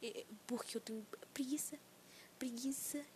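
A woman's voice: sits high, steady tone, a little slow, mellow, a little hiss or hum. A young woman of nineteen hosting a solo podcast, ranting in a self-mocking, profane and rambling way, anxious. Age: young adult. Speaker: podcast host.

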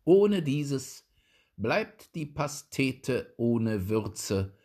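A man's voice: mid-range voice, sing-song, very slow, a little mellow, pitched above the performer's own voice, full character voice. A man reading a fairy tale, voicing a sly, mocking foreign guest who speaks in a sneering, knowing manner.

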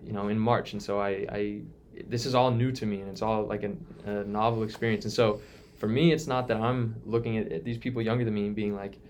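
Earnest young man, lowish voice. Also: fairly even intonation, brisk, few pauses, a little mellow, a little hiss or hum. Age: 20s. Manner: earnest, reflective, many restarts. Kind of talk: casual conversation.

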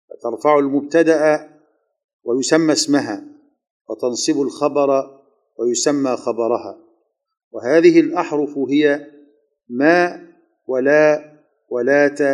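A man opening a recorded grammar lecture in a formal, measured classical style. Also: medium pitch, darkish tone.

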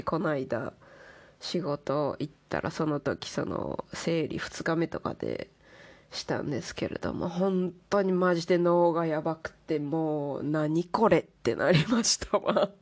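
A woman's voice: low voice, unhurried, darkish tone. A woman host chatting casually in a monologue, playfully putting on ornate, polite refined-lady speech. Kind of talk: casual monologue talk to listeners.

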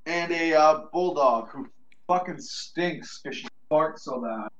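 Bright-voiced, hesitant Canadian man. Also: fairly high pitch, slow, muffled recording, slight background noise. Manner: hesitant, lots of ums and restarts, blunt and profane. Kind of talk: casual podcast chat.

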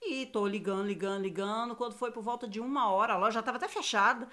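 High, bright Brazilian woman telling a story. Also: fast talker. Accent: Brazilian Portuguese. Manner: animated, acts out quoted voices. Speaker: podcast co-host. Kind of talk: casual storytelling chat.

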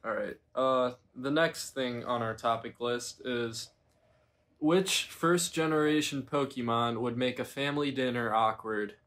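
A man's voice: mid-range voice, a little slow, fairly bright tone. A young man co-hosting a podcast in casual chat, teasing his friends and reading out the topics. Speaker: podcast co-host.

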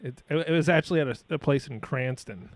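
Guy in his 30s hosting a podcast, stumbles over his words a lot, mid pitch, dry sound. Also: fast talker, no echo. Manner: rambling, stammers and repeats words. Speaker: podcast host. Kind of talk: casual interview chat.

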